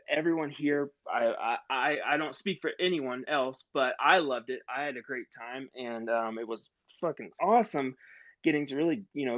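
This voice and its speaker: A man's voice: medium pitch, no room sound. A man hosting a live online audio panel, hesitant and friendly, with many fillers. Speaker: host. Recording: dull online audio-room stream.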